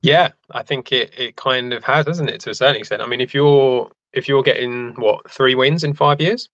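Co-host, kinda muffled and dead-dry sound, talks careful and hedgy. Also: male voice, mid-range voice, moderate pace, a bit bright, no echo. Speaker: podcast co-host. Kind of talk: casual chat.

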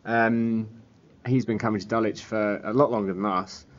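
A man's voice: lowish voice, steady tone, normal speed. A man from southern England with a Home Counties accent, chatting casually and ramblingly as a podcast host. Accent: Home Counties English. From southern England, Surrey and the Cotswolds. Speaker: football fan podcast host. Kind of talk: casual chat. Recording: slightly dull, lo-fi sound.

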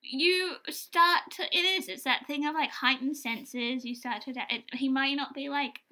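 A woman's voice: high voice, steady tone, a little slow, sharp tone. A woman co-hosting a podcast in casual chat, a chatty and rambling storyteller. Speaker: podcast co-host.

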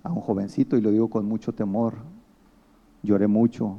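A pastor with a Mexican Spanish accent preaches a sermon, telling stories and acting out the people he quotes. His voice is on the low side with a flat delivery and a moderate pace, and the high frequencies are cut off.

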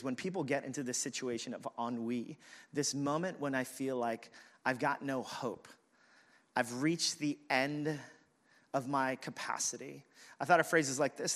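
A man preaching a sermon as pastor, conversational and animated, telling stories and speaking to the congregation. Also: mid-range voice. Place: church in a city, siren heard outside.

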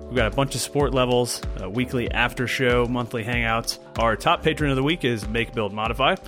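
A man hosting a craft podcast, talking in a relaxed, rambling way with plenty of fillers. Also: mid-range voice, brisk, soft background music. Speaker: podcast host. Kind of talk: casual podcast chat.

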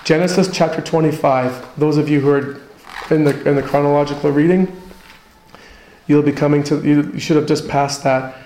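A man's voice: a little high, fairly even intonation, moderate pace, mellow, a little hiss or hum. Earnest male pastor in an echoey hall. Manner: earnest, conversational teaching with personal stories. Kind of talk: sermon. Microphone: handheld microphone.

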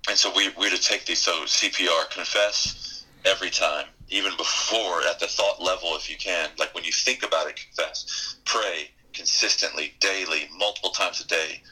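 Low earnest man, bright husky voice. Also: steady tone, moderate pace, rough recording. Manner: earnest, plainspoken, quotes scripture. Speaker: pastor guest. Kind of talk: conversational interview answer.

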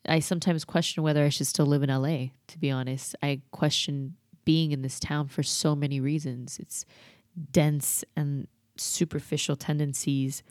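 A woman's voice: deep voice, level tone, normal speed, darkish tone, no room sound, clean studio sound. A woman hosting a solo podcast, rambling in a candid, reflective way as she thinks aloud. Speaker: podcast host.

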